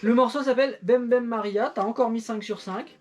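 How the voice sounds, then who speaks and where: Over soft background music, a middle-aged YouTuber reviews an old record with her child in a lighthearted, self-mocking chat full of fillers. Her voice is on the high side, and she talks fairly quickly.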